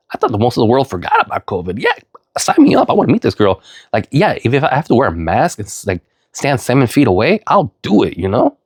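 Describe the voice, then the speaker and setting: Stuffed up with a cold, this middle-aged man delivers an earnest, meandering vlog monologue packed with fillers and "you know." Every so often he spikes into loud, high emphasis. There's no echo, and it sounds studio quality.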